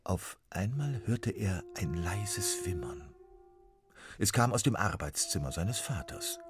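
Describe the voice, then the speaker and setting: A man narrating a children's storybook in an expressive, dramatic way. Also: fairly low pitch, slow, music in the background. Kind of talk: storybook reading.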